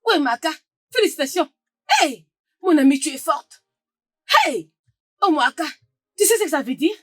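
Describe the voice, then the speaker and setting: A woman voices a sly young friend in a dubbed film who teases and mocks. Her voice sits high, and the sound is close and dry. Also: animated, normal speed, fairly bright tone, dry recording. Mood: mocking. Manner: teasing, mocking.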